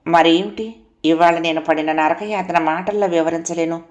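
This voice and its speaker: A woman's voice: on the low side, fairly even intonation, moderate pace, dull audio, natural voice. A woman voicing a remorseful young husband who speaks in a pleading, tender way.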